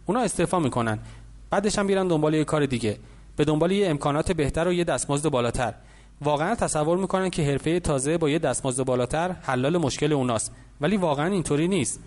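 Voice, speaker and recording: A man voicing a wealthy, confident older mentor who lectures calmly in an audiobook. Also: fairly high pitch, close to an everyday voice. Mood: lecturing.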